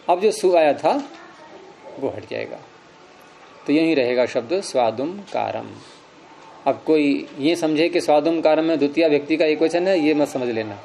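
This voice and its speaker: A male teacher walks through a grammar lesson at a patient, step-by-step pace, putting questions to the class and answering them himself. His voice sits a little on the high side for a man. A faint hum of background noise lies under the talk. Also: creaky, a little mellow.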